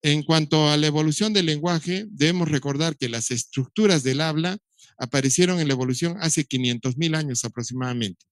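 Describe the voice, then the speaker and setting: A doctor, a middle-aged man, lectures on tape about how children learn to speak. His explanations go step by step, spiced with dry humor and imitations of baby noises. He speaks on the high side and a little fast, with no room sound.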